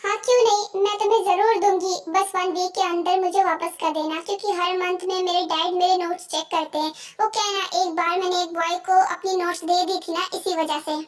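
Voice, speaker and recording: A woman voicing a gentle, sheltered young woman student who speaks softly and with resignation. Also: very high voice, steady tone, fairly quick. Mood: resigned.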